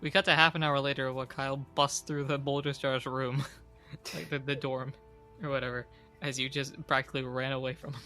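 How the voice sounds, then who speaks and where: A man with a bright, forward voice narrating a tabletop game as game master. He talks in a relaxed, loose way and fills gaps with frequent ums. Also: medium pitch, a little fast, soft background music. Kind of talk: casual actual-play narration.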